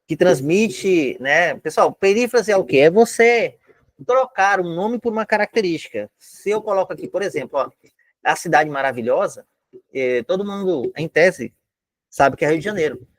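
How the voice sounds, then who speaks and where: A man's voice: high voice, lively intonation, normal speed, dry recording. A Brazilian man teaching an exam-prep lesson from home, chatty, with many filler tags and step-by-step explanations. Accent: Brazilian Portuguese. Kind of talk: casual online lesson. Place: home room.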